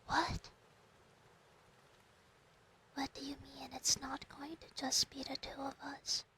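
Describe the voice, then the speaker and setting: A woman voicing a clingy, proud female fox spirit familiar in an ASMR role-play, breathy and intimate on a close binaural microphone. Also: high-pitched, monotone, takes it slowly, sharp tone, slight background noise, full character voice. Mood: hurt, possessive.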